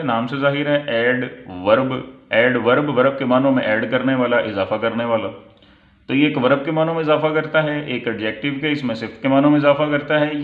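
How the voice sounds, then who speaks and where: Guy doing a grammar lesson, reads examples real slow then explains, sounds like a phone in an echoey room. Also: a little high, phone-quality sound. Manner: slow, deliberate reading of English example sentences, then explaining in Urdu. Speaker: English grammar teacher.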